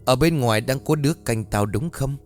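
A man's voice: medium pitch, brisk, darkish tone, soft background music, lightly acted. A man voicing a young man possessed by a vicious century-old female demon, speaking with a mocking, snarling cruelty in a horror audiobook. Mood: menacing.

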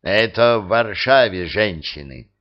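A man's voice: on the low side, lively intonation, a little slow, muffled recording. A man reading the part of a huffy male officer who grumbles and talks with sarcasm. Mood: grumbling.

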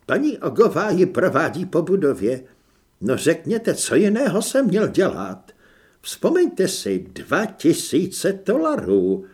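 A nervous, guilty theatre manager spills out his excuses in a pushed-up, loud, bouncy voice, as a male narrator puts him on. He rambles and chatters. It comes from a storybook reading. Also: a little high, wildly swooping pitch, pitched above the performer's own voice. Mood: defensive.

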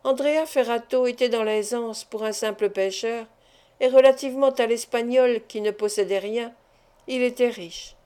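A woman reading a classic adventure novel aloud in a measured narration. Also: a little high, dark tone, smooth. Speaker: audiobook reader. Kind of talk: scripted narration.

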